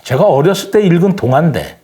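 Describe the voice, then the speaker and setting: A man speaks as a guest writer in a reflective talk-show conversation, earnestly explaining things in polite, formal speech and telling stories. His voice is a little high and dark in tone, fast, with big pitch swings.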